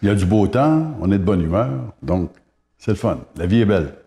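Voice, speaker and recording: With a deep, mellow voice that runs fairly quick and sing-song, a man in his 70s reminisces as a guest in a relaxed interview. He's a singer-songwriter from the Gaspé Peninsula of Quebec with a Québécois French accent, and his unhurried recollections are full of hesitations.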